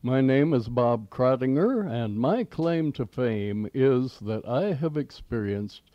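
An American man in his eighties hosts old-time radio with a folksy, theatrical announcer delivery and a nostalgic, scripted style. He speaks animatedly but slowly at medium pitch. The recording is a home cassette tape with music, and it sounds dry and dull.

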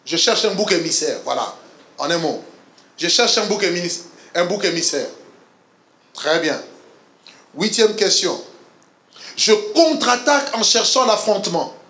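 A man leads a church seminar with a high, bouncing voice that swoops up and down as he quizzes the room. He jokes and laughs with his listeners, and his words ring out in an echoey church hall. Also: unhurried, long pauses. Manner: animated, quizzes the audience with laughter. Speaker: speaker leading a couples seminar. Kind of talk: interactive church teaching.

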